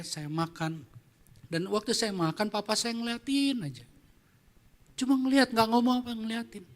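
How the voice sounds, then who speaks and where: A man's voice: high-pitched, a bit bright. A man who is a pastor, preaching a storytelling sermon at a church service in a conversational way and asking the congregation questions.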